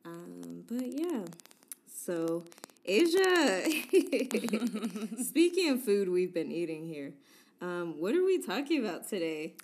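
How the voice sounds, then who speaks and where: A woman's voice: fairly low pitch, big pitch swings, slow, mellow. A woman co-hosting a casual chat show, chatty and playful, often laughing and leaning on words for emphasis. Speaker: podcast co-host.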